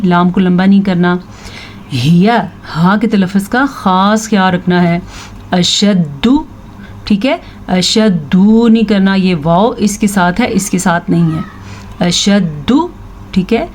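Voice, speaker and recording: A woman teaching tajweed, slowly reciting verses and patiently explaining how each letter is pronounced. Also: lowish voice, darkish tone, a little hiss or hum. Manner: slow, drawn-out recitation of verses between quick spoken explanations; patient, instructive, repeats each word to correct common mistakes. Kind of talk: tajweed lesson with recited examples.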